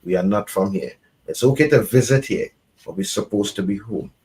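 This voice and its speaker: A man from Trinidad and Tobago, a reggae artist and guest, speaking at length in a measured, earnest way. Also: fairly low pitch, a little mellow. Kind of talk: reflective conversation.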